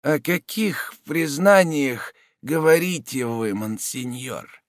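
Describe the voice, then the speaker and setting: Feeble, sly dying Jesuit voiced by a male reader, slow half-whispered words, dry close sound. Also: mid-range voice, expressive, a bit bright, husky, dry recording, pitched above the performer's own voice, full character voice. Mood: weakly mocking. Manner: weak, halting, ironic, half-whispered. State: feverish and exhausted. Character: gravely ill, cunning, mocking male Jesuit.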